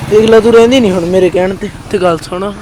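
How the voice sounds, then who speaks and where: A man with a Punjabi accent talks fast in a high voice, gently soothing and reassuring. He is recorded outdoors by a road, with faint traffic and street noise behind him. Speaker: cousin brother in the drama. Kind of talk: scripted village drama acting.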